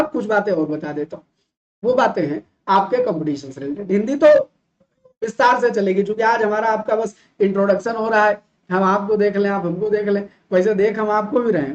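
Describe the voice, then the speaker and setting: In this clip, a high-voiced man from Uttar Pradesh, India, teaches a lively class, firing off rhetorical questions and mimicking his students in jest. The high frequencies of the audio are cut off.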